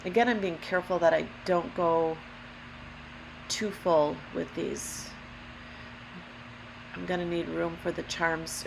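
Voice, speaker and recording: A woman hosts a relaxed craft tutorial in a low, gravelly voice roughened by allergies. She explains each step casually and carefully, taking her time. A noticeable mechanical hum runs behind her speech. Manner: unhurried, careful explaining with apologetic asides. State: allergy-affected voice, throat clearing. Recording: steady background hum, lawnmower noise. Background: lawnmower and hum.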